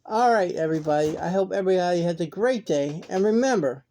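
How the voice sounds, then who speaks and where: A woman's voice: lowish voice, fast talker. A woman hosting a horror story channel, chatting casually to viewers and often starting with "now". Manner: relaxed, chatty, repeats "now".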